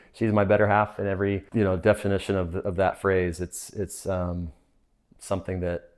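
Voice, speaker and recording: A middle-aged American assistant soccer coach reflects during a casual interview. His voice sits low with a darkish tone.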